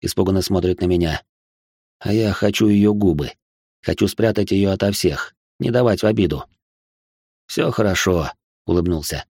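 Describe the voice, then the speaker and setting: A man's voice: sits low, brisk, mellow, husky, no echo, studio quality. A man narrating a novel in the first person, with a stern, curt manner in dialogue. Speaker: audiobook narrator.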